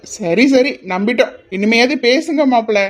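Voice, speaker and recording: A woman voicing a young man who teases his sister and her quiet groom, in an amateur audio drama. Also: a little high, animated. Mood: teasing. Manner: teasing and brisk. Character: teasing young man, the bride's brother or friend.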